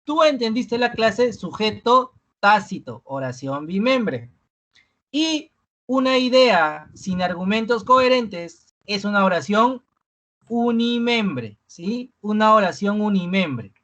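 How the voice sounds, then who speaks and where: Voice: medium pitch, sing-song, a bit bright. Docente con acento peruano, muletilla "¿no?". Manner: tags nearly every phrase with a questioning "¿no?"; repeats key words and examples slowly for emphasis. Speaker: teacher. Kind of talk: live online review class.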